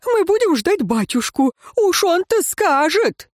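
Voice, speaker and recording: Man voicing a young noblewoman, lovestruck, giddy, shrill, high-pitched, dry close audiobook sound. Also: very animated, normal speed, dry recording. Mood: excited.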